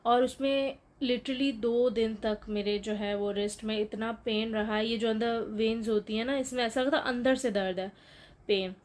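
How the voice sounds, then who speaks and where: A young woman with a fairly high voice recounts a frightening night in a casual, conversational vlog. She explains things as if gesturing to the viewer, checking in with little asides, and her voice rises sharply when she relives the fear. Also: steady tone, normal speed. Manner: explains with gestures, frequent "theek hai" check-ins. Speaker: vlogger telling her own horror story.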